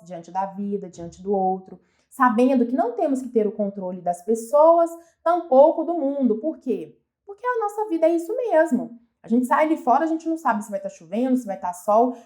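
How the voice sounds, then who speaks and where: A woman's voice: on the high side, a little mellow. A woman with a Brazilian Portuguese accent giving an earnest, reflective motivational talk, often asking herself questions aloud. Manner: earnest, asks herself many questions, frequent restarts. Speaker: self-help speaker.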